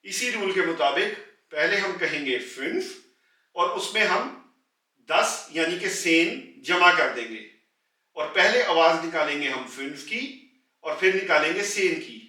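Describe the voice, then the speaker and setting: A man with an Urdu accent teaching a beginners' language lesson, slow and patient, saying each word twice. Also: on the high side, animated, sharp tone. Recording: echoey room, heard from a distance.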